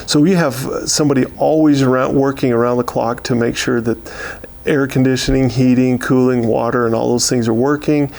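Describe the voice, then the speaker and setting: An American man speaking as a county sheriff in an unscripted interview, steady but halting, with frequent pauses and repeated words, in a gravelly voice. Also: mid-range voice. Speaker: county sheriff giving a year-in-review.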